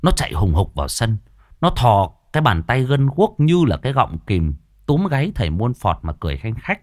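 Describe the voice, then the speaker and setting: Lively male storyteller. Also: mid-range voice, normal speed, dry recording, clean studio sound. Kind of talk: storytelling narration.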